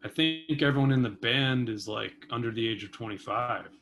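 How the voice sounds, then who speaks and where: A man in his thirties, guesting as a vibraphonist and composer, converses casually through a webcam from his home kitchen, thoughtful and hedging with plenty of fillers. He speaks at normal speed in a mid-range, somewhat bright voice, and slight background noise can be heard.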